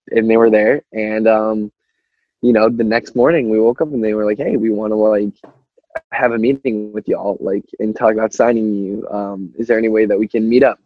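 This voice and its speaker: A young adult man talks casually as a musician in an interview, rambling informally and saying "like" a lot. His lowish voice has no echo, though the recording is slightly muffled.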